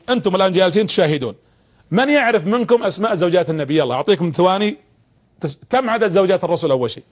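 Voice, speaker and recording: A man preaching on television from a studio, talking emphatically, repeating words and putting direct questions to viewers. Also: sits high. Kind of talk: televised religious talk to viewers.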